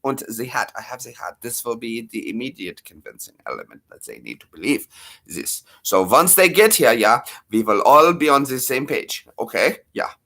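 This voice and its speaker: A man's voice: medium pitch, sing-song, normal speed, gravelly, bright, forceful tone, exaggerated voice. A man putting on a stiff, formal fake German character with stilted, overly formal phrasing. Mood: mock formal.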